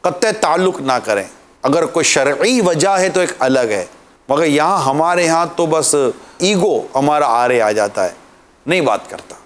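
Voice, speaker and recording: A male preacher giving an impassioned Islamic sermon, pleading with listeners and dropping to soft, earnest tones. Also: a little high, lively intonation.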